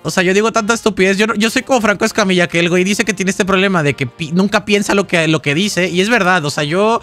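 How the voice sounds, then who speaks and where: Fast and a bit bright, this man's high-pitched voice carries over soft background music. While livestreaming a game, he rambles and jokes casually, reading out donations and chat.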